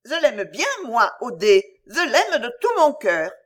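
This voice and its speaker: A woman's voice: high voice, big pitch swings, normal speed, fairly bright tone, pitched above the performer's own voice. A woman playing Louise, a pleading little girl. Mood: coaxing. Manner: pleading, childish, sobbing insistence. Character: small clingy girl, passionate and stubborn.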